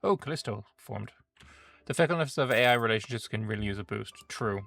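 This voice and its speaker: A man's voice: fairly low pitch, lively intonation, brisk, vocal fry, a bit bright, faint music behind. A man streaming a strategy game, thinking aloud in an offhand way and reading the event text aloud.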